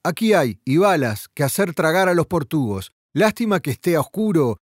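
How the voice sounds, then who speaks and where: A tough frontier woman fires off brash, mocking retorts in a raised, high voice, as a man reads her. Her pitch jumps about lively, and the recording is dry and close. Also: moderate pace, no echo. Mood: defiant.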